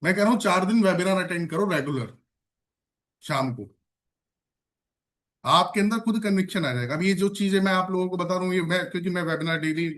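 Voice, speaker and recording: A man leading an online sales training session, repeating phrases and checking in with his trainees. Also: a little high. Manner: energetic, repeats phrases and asks the audience questions.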